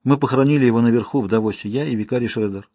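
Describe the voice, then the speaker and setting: A man reading an audiobook, voicing a quiet woman who calmly reports sad news. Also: medium pitch, rapid-fire, no echo, lightly acted. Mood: subdued. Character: quiet, subdued woman returning home.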